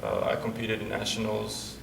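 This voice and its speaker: With a lowish voice, vocal fry, and a completely flat delivery at a moderate pace, a Bosnian wrestler in his late twenties chats casually as an interview guest. He's laid-back and leans constantly on "you know what I'm saying." Slight background noise and a distant, roomy echo color the recording.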